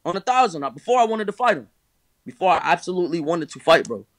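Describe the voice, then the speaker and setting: A nineteen-year-old man, a rapper guest, talks candidly with a high, bright voice that swings widely in pitch at a quick pace. He's emphatic and profane, repeats himself, and caps lines with "bro." The recording has no room sound.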